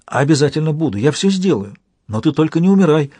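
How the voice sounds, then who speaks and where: A man's voice: very animated, fast talker, warm tone, slightly rough, no room sound. A man voicing a desperate young woman in an audiobook, pleading in a raised, strained voice. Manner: pleading, high-strung. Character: young woman, desperate over her dying love.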